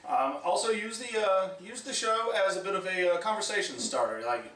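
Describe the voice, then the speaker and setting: A man's voice: high-pitched, expressive, a little fast, a bit bright, a little hiss or hum. A man co-hosting a beer review show, chatting in a joking, laid-back way with filler sounds. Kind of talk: casual chat. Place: home room. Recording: echoey room, mic at a distance.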